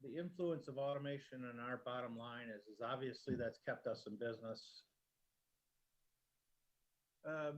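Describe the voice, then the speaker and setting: A man's voice: mid-range voice, lo-fi sound. A man who runs his family's company, speaking confidently and matter-of-factly in a video testimony. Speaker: company owner.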